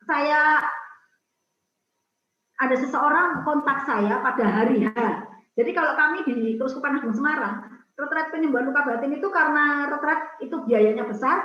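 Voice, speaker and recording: A middle-aged woman from Indonesia tells lively stories to a women's prayer group, slipping into the voices of the people she quotes. Her voice sits high. The video-call audio is muffled and heavily echoey. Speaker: speaker at a prayer community's Zoom talk.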